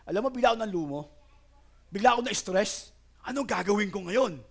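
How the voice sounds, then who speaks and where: A middle-aged Filipino man preaching a sermon in animated Taglish, telling a personal story that grows more excited. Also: high voice, fairly quick, gravelly. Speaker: pastor.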